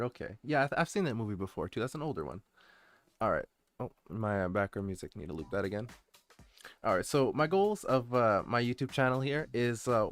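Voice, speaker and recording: A man chatting casually on a livestream, rambling and hesitant as he answers his viewers and gets easily distracted. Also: medium pitch. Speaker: streamer, VTuber introducing his channel. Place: indoor streaming setup, background music behind the voice.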